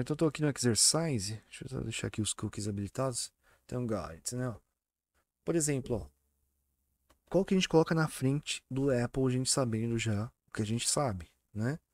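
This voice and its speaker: A man's voice: medium pitch, animated, a little mellow, no room sound. A man teaching an online exam-prep English lesson, patient and repetitive, often checking that students follow. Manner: repeats and spells out words slowly.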